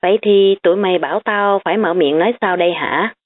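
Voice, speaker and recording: A woman voicing a defensive, sharp-tongued young female student hiding her family's wealth, on tinny phone-like audio. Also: on the low side, fast, lightly acted.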